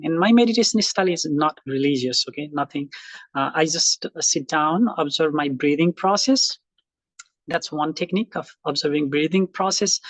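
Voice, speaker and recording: A middle-aged college instructor from Nepal, speaking with a Nepali accent, gives a casual, reflective lecture to his online students, full of fillers and restarts. His voice is on the high side, and the recording is dry.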